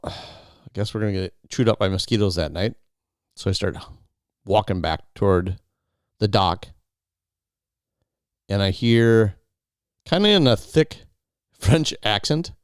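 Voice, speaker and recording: A man with a smooth, resonant, slightly low voice recounts a survival story in loose, casual storytelling. He rambles, restarts words, and slips other people's lines into his own telling. His voice sounds dry and close, with no room around it. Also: no room sound.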